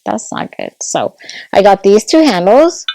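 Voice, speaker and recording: A woman's voice: medium pitch, very animated, measured pace, creaky, mellow, no echo, low-quality recording. A woman vlogging at home, chatting casually and gushing over a craft haul, sometimes dropping to a whisper.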